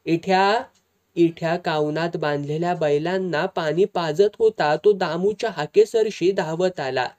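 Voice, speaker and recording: Audiobook narrator for a serialized novel, mellow voice. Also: mid-range voice, a little slow, few pauses. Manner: steady storytelling.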